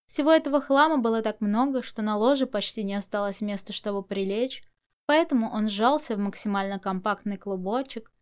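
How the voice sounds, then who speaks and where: A woman narrating a novel as a scripted audiobook, with expressive storytelling. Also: a little high, clean tone.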